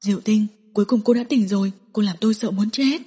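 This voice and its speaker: A woman narrator voicing a gentle, worried young man who speaks softly and soothingly. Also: medium pitch, fast talker, breathy edge, in a large hall. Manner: soft, soothing.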